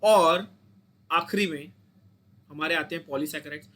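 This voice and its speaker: A man's voice: a little high, moderate pace, fairly bright tone. A young Indian man teaching a chemistry lecture, coaxing his students, repeating points and asking them to say them back. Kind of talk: online lecture.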